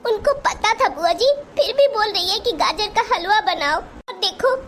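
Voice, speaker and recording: A woman's voice: very high-pitched, animated, moderate pace, a bit bright, slight background noise. A woman voicing a meek young daughter-in-law in a Hindi cartoon, pleading and apologetic. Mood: tearful.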